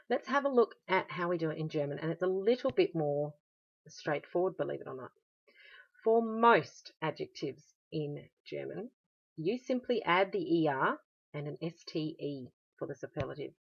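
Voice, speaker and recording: Low-voiced Australian teacher explaining grammar. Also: female voice, creaky, breathy edge, muffled recording. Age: adult. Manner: patient, explanatory, with frequent "um" fillers. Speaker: German teacher. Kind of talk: recorded classroom explanation.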